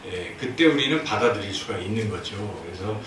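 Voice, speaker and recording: A male pastor preaching a sermon in a church, emphatic, swinging between loud declarations and soft, quiet asides. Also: on the low side, animated, a little fast, noisy background. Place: church sanctuary. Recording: very echoey hall, distant mic.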